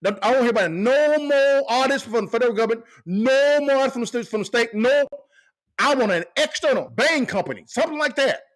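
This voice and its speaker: A male podcast host delivering impassioned commentary in a high voice. His pitch leaps and dips constantly. He circles back to the same pointed questions again and again. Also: expressive, brisk.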